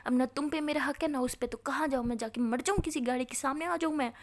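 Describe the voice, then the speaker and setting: Woman playing a hot-headed college girl, melodramatic, quarrelsome, high-pitched voice. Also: fairly quick, noisy background, natural voice. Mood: heated, exasperated. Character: hot-tempered young woman college student, dramatic.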